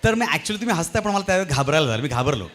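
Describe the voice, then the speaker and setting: A man doing stand-up comedy on stage at a live event, telling an animated story and acting out its voices. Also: fairly high pitch, very fast. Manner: animated, acts out the voices in his stories.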